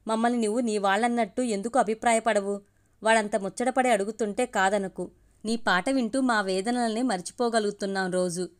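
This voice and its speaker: Give me a woman voicing a caring old mother who scolds gently. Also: a little high, close to an everyday voice.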